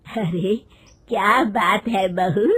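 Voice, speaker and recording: A woman's voice: medium pitch, breathy edge, exaggerated voice. A woman voicing a stern, bossy old mother-in-law in a storybook tale, scolding and drawing out her words. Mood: coaxing. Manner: scolding, loud and drawn-out.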